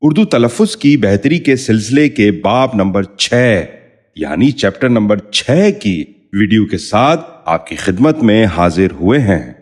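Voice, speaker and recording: Man, very low voice, formal lesson narration, measured and careful, repeats each word slowly. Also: animated, darkish tone. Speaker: Urdu pronunciation teacher.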